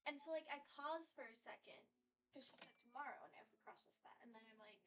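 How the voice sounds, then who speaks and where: A woman's voice: fairly high pitch, quick pace, fairly bright tone, faint music behind. A woman in casual chat, telling a chatty story about work.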